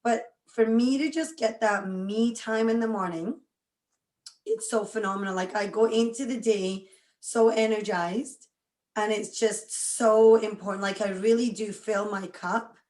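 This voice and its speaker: A woman's voice: medium pitch, a little slow, a little mellow, echoey room. A woman around forty from Scotland, a guest chatting with lots of energy and frequent laughs. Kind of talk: casual interview chat.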